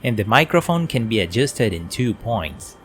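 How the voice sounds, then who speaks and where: A man's voice: fairly low pitch, sing-song, moderate pace, fairly bright tone, soft background music. A man giving a plain, explanatory product review at his home work desk, speaking into a desk mic on an arm. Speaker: tech reviewer.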